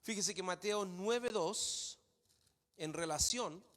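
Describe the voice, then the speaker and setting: A man's voice: sits high, slow pace, a bit bright. A man preaching a sermon in a church hall, emphatic, repeating phrases for stress. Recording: long hall reverb.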